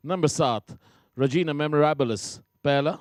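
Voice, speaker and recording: Male PA announcer through loudspeakers, measured and formal, dry sound. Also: fairly high pitch, dry recording. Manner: slow, measured, calling out each item separately. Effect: heard through loudspeakers at a distance. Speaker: racecourse public address announcer.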